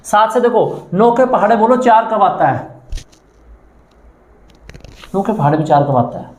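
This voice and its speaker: A man's voice: sits high, lively intonation, unhurried, roomy sound. A man from Haryana with a Haryanvi accent, teaching a maths class and reciting times tables in a repetitive lecture style. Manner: chants times tables, repeats phrases. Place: coaching classroom.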